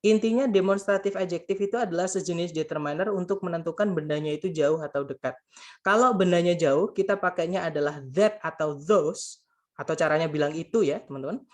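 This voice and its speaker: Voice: mid-range voice, a little fast, a little mellow. Patient, chatty grammar tutor. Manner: patient, repeats points and translates each example; keeps addressing listeners as friends. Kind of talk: casual spoken grammar lesson.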